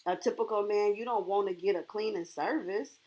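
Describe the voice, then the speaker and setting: A woman's voice: medium pitch, fairly quick, dark tone. A woman hosting a livestream, chatting casually and reacting to comments from her chat with laughs.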